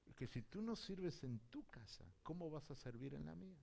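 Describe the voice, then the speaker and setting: A man from Argentina with an Argentine accent preaching a sermon, telling stories and acting out dialogue, swinging from hushed to loud. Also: fairly high pitch, very animated, moderate pace, creaky. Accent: Argentine Spanish. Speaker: visiting apostle preaching.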